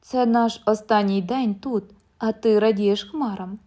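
A woman voicing a stubborn husband eager for one last swim, who later shouts in alarm. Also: medium pitch, fairly even intonation, a little slow, close to an everyday voice. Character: man on a beach, stubborn, restless to swim.

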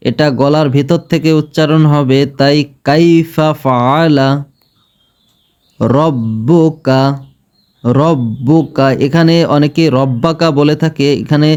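A man with a Bangladeshi Bengali accent teaching Quran recitation step by step, chanting verses slowly and drawn out between quick explanations. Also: on the high side, fairly even intonation, a little mellow, clear, resonant tone. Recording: slightly dull lo-fi sound.

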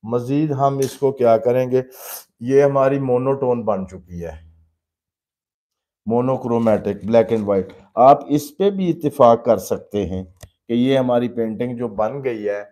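Male painting teacher, warm low tone, patient and fatherly, breaks each step down in plain terms. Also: slow. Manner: addresses students fatherly as "beta". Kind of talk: live painting demonstration lesson.

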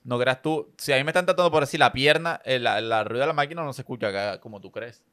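A man's voice: medium pitch, quick pace, a bit bright, slight background noise. A young Colombian man co-hosting a podcast in a studio, wry and trying to steer the chat back on topic. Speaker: podcast co-host. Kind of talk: casual podcast banter. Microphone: studio podcast microphone.

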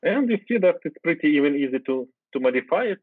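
A guest software developer in his thirties, a native Ukrainian speaker, casually talks through code on a screen-share video call from home, using fillers and restarts. His voice sits on the high side, is fast and a bit breathy. The sound is thin, phone-like and dry, without room echo.

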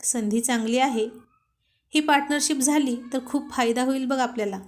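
A playful young husband who teases his wife and coaxes her gently, read by a woman. The voice sits a little high for a man. It is told as a storybook scene. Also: moderate pace, close to an everyday voice. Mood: teasing. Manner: teasing, coaxing.

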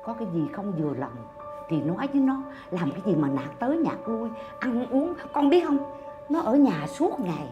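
An actress playing an older mother-in-law in a sitcom, who scolds sharply and consoles softly. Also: on the high side, very animated, normal speed, reverberant, over music. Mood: scolding. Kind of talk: sitcom acting.

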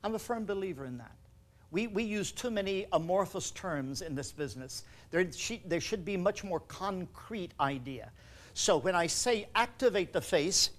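A man leading a choral workshop, coaching singers with quick commands and questions. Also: high voice. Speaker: choral conductor teaching a workshop. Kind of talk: instructional workshop talk.

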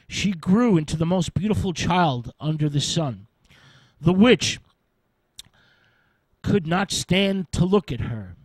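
Slow, hesitant male radio storyteller. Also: a little high, no echo, rough recording. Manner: unhurried, hesitant with frequent fillers. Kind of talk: fairy-tale narration for radio.

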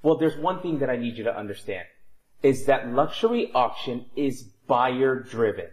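Upbeat man pitching to camera. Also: expressive, normal speed, rough recording. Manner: upbeat and persuasive. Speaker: real estate agent. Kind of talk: scripted sales pitch to camera. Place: bright home interior, indoors.

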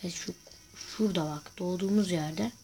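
A man's voice: high voice, moderate pace, warm tone, a little hiss or hum. A man giving casual gameplay commentary to viewers, chatty and full of crude jokes. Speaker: gaming YouTuber host.

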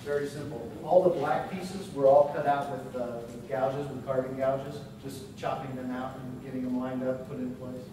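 A man's voice: mid-range voice, fairly even intonation, normal speed, hardly any pauses. A man teaching a woodworking class in a large conference room, easygoing and practical as he answers questions from the audience. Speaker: woodworking instructor. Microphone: far camera. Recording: echoey hall, far mic, room noise.

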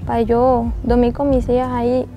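High-voiced young woman recounting. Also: completely flat delivery, normal speed, muffled recording, soft background music. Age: young adult. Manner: recounts dialogue, acting out voices of others. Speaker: interviewee telling her life story. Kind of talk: emotional personal testimony.

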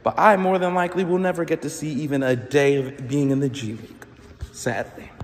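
A man's voice: fairly high pitch, fairly even intonation, brisk, a little hiss or hum. A man in his twenties vlogging casually in a gym on a phone, rambling and swearing in frustration. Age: 20s. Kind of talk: casual vlog. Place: large indoor gym. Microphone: phone held low at arm's length. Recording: echoey gym room.

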